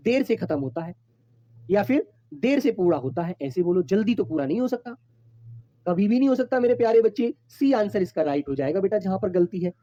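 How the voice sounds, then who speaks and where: A man's voice: high voice, mellow, no room sound, muffled recording. Fond, patient man teaching a class. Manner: addresses students fondly as children, repeats points. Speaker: Hindi teacher. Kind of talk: online exam-prep class. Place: online class recording.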